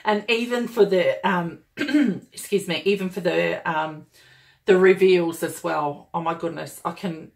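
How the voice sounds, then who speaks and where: A woman's voice: on the low side, unhurried, vocal fry. A woman talking casually and enthusiastically as she unboxes and reviews a planner kit, gushing over each item. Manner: gushing and enthusiastic, chatty with fillers.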